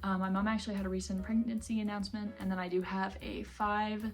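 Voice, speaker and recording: A young American woman talks in a casual vlog style at an ordinary female pitch. She rambles, pokes fun at herself and leans on filler words like a friend hanging out. Music plays behind her voice. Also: level tone, fast. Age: young adult. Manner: rambling, self-deprecating, giggly, peppered with 'like'. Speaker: vlogger. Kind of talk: casual chatty vlog while organizing books. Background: background music.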